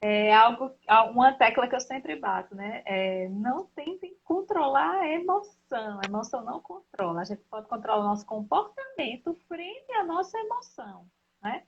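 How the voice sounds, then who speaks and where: A woman's voice: fairly high pitch, big pitch swings, normal speed, gravelly, slightly rough. A woman hosting a casual live talk, explaining at length and often checking in with "né?". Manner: explanatory, leans on "né?" and "então, assim". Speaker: host of a live discussion. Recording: dull lo-fi live stream audio.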